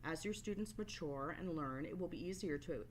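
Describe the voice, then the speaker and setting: The speaker is a woman teacher from a work-based learning resource, reading a scripted, explanatory training voice-over meant to instruct. Her voice is lowish, her speed normal, and there's slight background noise.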